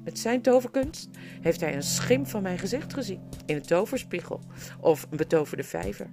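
A woman's voice: fairly low pitch, lively intonation, normal speed, vocal fry. A woman voicing a proud, cruel adult queen in an audiobook, speaking in a haughty, commanding and scornful way. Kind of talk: audiobook character voice. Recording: music playing underneath.

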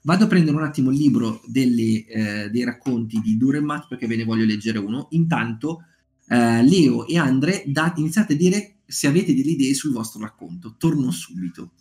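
A man's voice: mid-range voice, expressive, moderate pace, darkish tone. A man hosting a casual live stream, recommending short stories and chatting with his audience, with lots of fillers and restarts. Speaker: streamer leading a writing group. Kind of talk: casual live-stream chat with book reading.

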